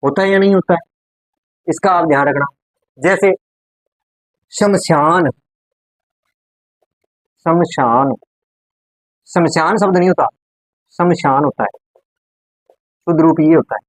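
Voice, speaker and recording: A man with a Rajasthani Hindi accent teaches grammar in a slightly high voice. The sound is close and dry, with no room echo. He drills each word by repeating it and keeps asking his students questions. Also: brisk, long pauses. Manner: repeats words, quizzes students with rhetorical questions. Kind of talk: classroom lecture.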